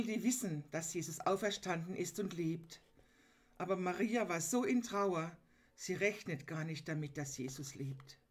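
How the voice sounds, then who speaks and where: A woman delivering a sermon in an earnest, emphatic way, retelling the story and then speaking straight to her listeners. Her voice sits at an ordinary middle pitch for a woman. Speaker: preacher.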